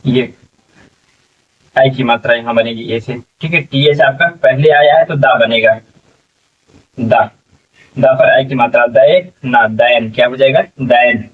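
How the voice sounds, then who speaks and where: A man's voice: mid-range voice, steady tone, a little slow, pauses often, far from the mic. A man teaching English reading in Hindi, spelling words letter by letter and repeating them as he asks the class what they become. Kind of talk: slow spelling lesson. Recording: tinny phone-like sound from off mic.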